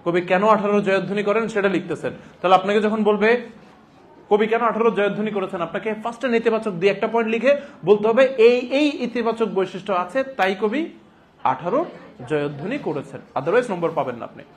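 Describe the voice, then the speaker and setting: A man giving a classroom lecture as a teacher, repeating phrases deliberately for dictation and prompting students with emphatic questions. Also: high-pitched. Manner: repeats phrases slowly and deliberately for note-taking.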